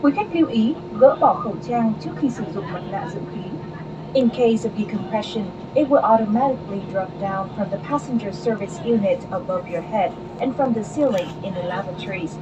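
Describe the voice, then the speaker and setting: A woman's voice: medium pitch, moderate pace. A woman flight attendant giving a formal, scripted cabin safety announcement. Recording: muffled, noisy aircraft cabin speaker. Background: clear aircraft cabin noise.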